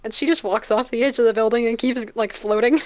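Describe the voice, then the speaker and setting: A young woman co-hosting a casual podcast, relaxed and giggly with dry jokes. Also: a little high, fairly quick, no room sound, lo-fi sound. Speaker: podcast co-host. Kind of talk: casual chat.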